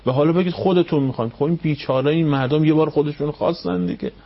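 A man, a cleric, giving a storytelling religious lecture. He fires off rhetorical questions, climbs high when stirred and sinks to near-whispers. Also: husky. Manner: impassioned, rising up high on questions, then dropping to near-whispers. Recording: dull radio broadcast sound.

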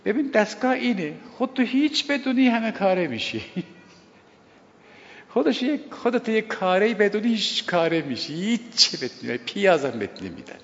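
A gravelly older man gives a sermon, telling stories and driving each lesson home through repetition. His delivery swings between loud emphasis and quiet asides. The recording is dull and lo-fi, with a long reverb trailing off the walls of a large hall and faint ambient noise underneath. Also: sits high, sing-song. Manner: emphatic storytelling, repeats key phrases, swings between loud and hushed. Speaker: religious teacher. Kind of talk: sermon explaining a prayer.

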